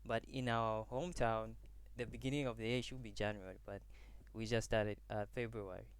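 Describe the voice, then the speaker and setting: A young man from Zambia gives a class presentation, halting and restarting as he searches for words. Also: on the low side, fairly even intonation, smooth. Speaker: student presenter.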